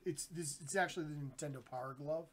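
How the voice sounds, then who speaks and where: A man's voice: a little high, fast. A man casually explaining rules and cracking pop-culture jokes while playing a board game.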